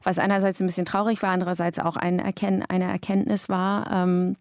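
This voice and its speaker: A woman's voice: lowish voice, little pitch movement, brisk, darkish tone, no echo, studio quality. A woman author, a guest in an interview, answering thoughtfully with many hesitations.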